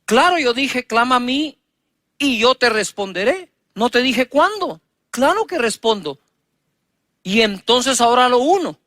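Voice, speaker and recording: A male pastor preaching a sermon, reading scripture aloud and retelling it with dramatic swings in emphasis and loudness. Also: extremely high pitch, lively intonation, measured pace, no echo, studio quality.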